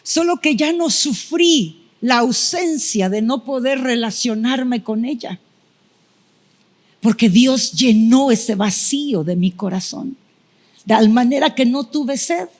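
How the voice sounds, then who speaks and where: A woman's voice: on the high side, slow, darkish tone. A middle-aged woman preacher giving a sermon testimony, telling her story with feeling and acting out her own past prayers.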